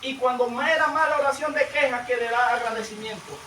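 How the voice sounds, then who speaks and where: A man preaches a sermon and shares a testimony at a brisk pace, alternating between loud, emphatic bursts and low, hushed storytelling. The recording is noisy, with an echoey room and a distant mic.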